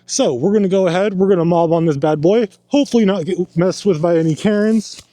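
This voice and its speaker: A man's voice: sits high, fast talker, mellow, dry recording. A young man vlogging from inside a helmet on a mountain trail, out of breath and talking in a loose, slangy way. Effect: talking from inside a helmet with the visor down. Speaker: e-bike vlogger. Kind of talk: casual chat while riding.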